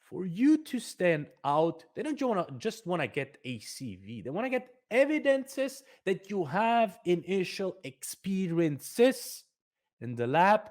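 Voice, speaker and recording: A man's voice: high voice, sing-song, measured pace, a little mellow. A man presenting career advice for a nonprofit foundation, speaking emphatically with many fillers and restarts.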